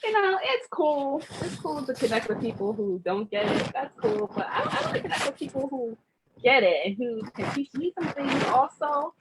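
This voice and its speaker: Lively high-voiced woman, noisy recording. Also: moderate pace. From grew up in Germany as an American military child. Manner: warm, affirming, repeats phrases for emphasis. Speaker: host leading a vision board party. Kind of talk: casual spiritual chat. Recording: noisy background hiss.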